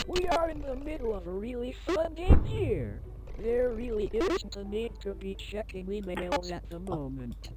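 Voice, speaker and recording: A woman's voice: mid-range voice, very animated, a little slow, very noisy. A woman voicing a cheerful, controlling computer host in a children's game, with sugary, upbeat, instructive delivery. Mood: sweetly scolding. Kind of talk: children's educational game voice acting. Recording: loud game music over voice.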